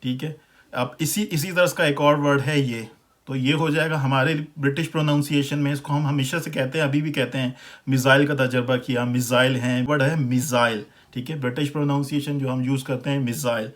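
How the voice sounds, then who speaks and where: A man with a Pakistani accent teaches pronunciation in a relaxed, chatty way. He repeats each word slowly so the listener can compare the two versions. His voice sits at an ordinary middle pitch for a man. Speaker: language teacher. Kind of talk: casual explanatory lesson.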